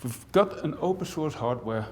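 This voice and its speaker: A man's voice: fairly high pitch, lively intonation, moderate pace, a little mellow, slight background noise. A man who grew up in the Netherlands, a university professor giving a conversational conference talk to an audience, with dry jokes and frequent asides. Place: large auditorium. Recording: long hall reverb from a large auditorium.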